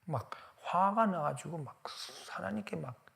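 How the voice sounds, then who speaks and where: A male pastor delivers a sermon in a bright, fairly high voice. He puts questions to his congregation and at times drops to a near whisper. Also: lively intonation, a little slow, creaky. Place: church.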